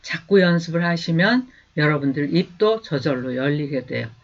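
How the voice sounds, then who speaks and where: A man teaching a beginner language lesson, patiently drilling sentences slowly and repeating them, with an encouraging manner. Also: on the high side, animated. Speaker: English teacher. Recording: dull lo-fi recording.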